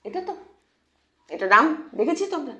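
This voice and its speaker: A woman's voice: high voice, very animated, normal speed, sharp tone. A woman teaching English phonics to children in Bengali with a Bengali accent, patiently repeating key points and asking her pupils questions. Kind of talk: explanatory lesson for children. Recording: echoey room.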